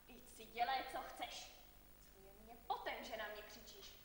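A woman performs a blunt village aunt who needles her niece and talks loudly for the stage. Her voice sits high. It is heard from a distance, ringing through a big echoey hall over a faint hiss. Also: natural voice. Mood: indignant. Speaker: stage actor. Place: theatre stage.

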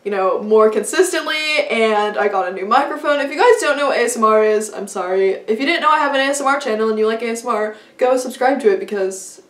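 This young woman speaks quickly and with few pauses, her pitch on the high side, as she delivers an upbeat, casual vlog to camera full of fillers. The mic is far away, so the small indoor room with its plain wall comes through as roomy.

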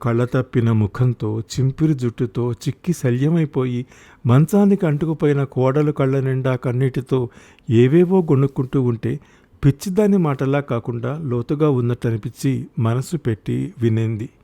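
A man narrating a short story for an audiobook in a measured, expressive way. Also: medium pitch, vocal fry.

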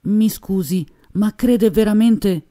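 A woman's voice: mid-range voice, mellow, voice pushed up, natural voice. Woman voicing a hesitant middle-aged father. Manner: halting, unsure.

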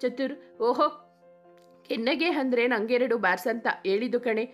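A woman's voice: on the high side, normal speed, soft background music, lightly acted. A woman reading the lines of a teasing, charming young man in love in a story. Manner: teasing, joking.

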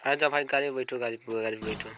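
A man giving casual, excited commentary over his mobile gameplay, often repeating his calls to teammates. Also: mid-range voice, very fast, a little hiss or hum. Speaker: gaming YouTuber. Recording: game music loud behind voice. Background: loud game music.

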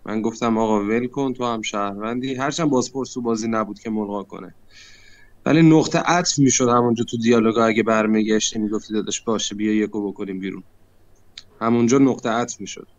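Self-critical man in a muffled call. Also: on the low side. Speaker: player in an online mafia game. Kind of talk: casual game recap. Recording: dry lo-fi online call audio.

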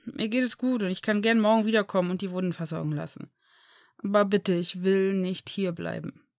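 Woman reading as injured young man, stubborn, quiet, mumbling, hesitant, storybook reading. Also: mid-range voice, steady tone, a little fast, dry recording, studio quality, natural voice. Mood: subdued.

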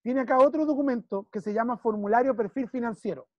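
A man's voice: very high voice, fast, no echo, lo-fi sound. A man with a Chilean accent coaching a client one-on-one, emphatic and repeating key phrases while he checks in. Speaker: business consultant.

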